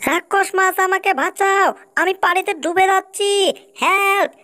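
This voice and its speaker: A tiny, cheeky cartoon mouse played by a woman with an extremely high, squeaky voice. He pleads in gasps, as if his mouth sits right at the waterline. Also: steady tone, moderate pace, bright, forceful tone. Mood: drowning panic. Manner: gasping pleas with mouth at waterline. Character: small cheeky male mouse casting silly spells. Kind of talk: Bangla cartoon dub.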